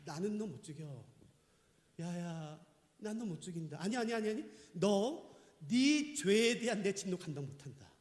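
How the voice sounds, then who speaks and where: A man voicing a stern, solemn God who questions a sinner in a low, grave tone, in an echoey church hall. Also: animated, normal speed. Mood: refusing.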